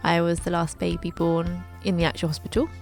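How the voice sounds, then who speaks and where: Low, gravelly young woman. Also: little pitch movement, fairly quick, soft background music. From England. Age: 20s. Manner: chatty, lightly joking asides. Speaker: narrator of her own life story. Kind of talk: scripted narration over a drawing video.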